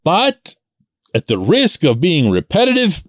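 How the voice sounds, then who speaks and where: A man in his forties from Pittsburgh, hosting a solo sports podcast and talking in an animated way, stretching the words he wants to stress. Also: fairly high pitch, measured pace, no room sound, studio quality.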